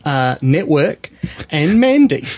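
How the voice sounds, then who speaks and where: A man's voice: fairly high pitch, big pitch swings, takes it slowly, a little mellow. Rambling, jokey man on a film podcast. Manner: rambling, jokey, with frequent laughs and restarts. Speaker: podcast co-host. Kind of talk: casual film podcast chat.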